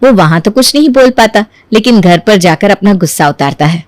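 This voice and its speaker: A woman narrating a cartoon story in a lively storytelling manner. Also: medium pitch, brisk, no room sound.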